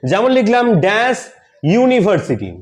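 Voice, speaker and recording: A man's voice: high-pitched, sing-song, moderate pace. A man teaching English grammar in style, asking questions and answering them himself, often checking "yes or no". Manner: repeats key points, checks with "Am I clear? Yes or no?". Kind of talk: classroom-style grammar lesson.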